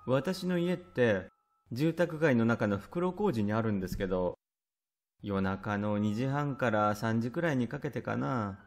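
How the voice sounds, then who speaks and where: A man telling a scripted first-person horror story in a conversational tone, measured and suspenseful, drawing out certain words. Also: medium pitch, a little mellow. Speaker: ghost story reader. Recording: music under the voice. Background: music.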